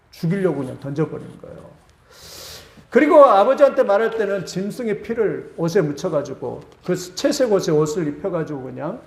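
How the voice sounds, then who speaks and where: Male preacher with a lively, swooping delivery who repeats his phrases, recorded in a roomy church. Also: high voice, creaky. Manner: animated retelling with repeated phrases. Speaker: pastor. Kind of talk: sermon.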